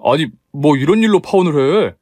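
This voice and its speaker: A man's voice: on the high side, animated, moderate pace, a little mellow, no echo, pitched above the performer's own voice. A man voicing a timid young fiancé who keeps apologizing in a storybook tale. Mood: sheepish.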